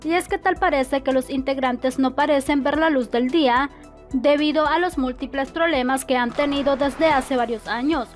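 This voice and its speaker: A woman reading scripted entertainment news narration, quotes included in the same even voice. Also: high-pitched, normal speed. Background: faint music.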